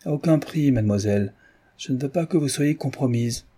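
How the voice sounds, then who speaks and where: Audiobook: male reader doing a teasing, courteous gentleman rogue, lifted and bright in spirit over a dark, husky base. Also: mid-range voice, a little fast, pitched above the performer's own voice, natural voice. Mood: playful. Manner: airy, polite, playful. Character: jaunty, gallant, teasing gentleman adventurer.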